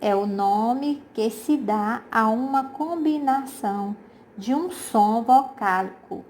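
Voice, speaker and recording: A Brazilian woman teacher with a mellow, warm-toned voice walks pupils through an exercise, patient and repetitive, checking in with them after each point. Faint background hiss sits under her voice. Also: on the high side, takes it slowly. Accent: Brazilian Portuguese. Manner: addresses pupils as "gente", uses diminutives. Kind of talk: recorded remote lesson explaining grammar exercises.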